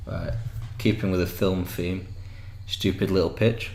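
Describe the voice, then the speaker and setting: Deep-voiced West Yorkshire man. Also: level tone, moderate pace, darkish tone. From West Yorkshire, England. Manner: swears freely, laughs often. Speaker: podcast co-host. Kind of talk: casual chat. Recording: echoey room with faint noise.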